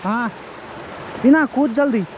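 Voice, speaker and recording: A man's voice: very high voice, takes it slowly, muffled recording, background noise. A man, vlogging outdoors in hill country near a river, chatty and joking as he talks straight to viewers on a handheld camera. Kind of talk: casual vlog narration.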